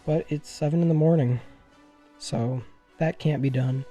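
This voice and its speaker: Hosting a news video, a man offers casual gaming commentary to viewers in an excitable, gushing way. His voice is a little high and unhurried, with soft background music playing.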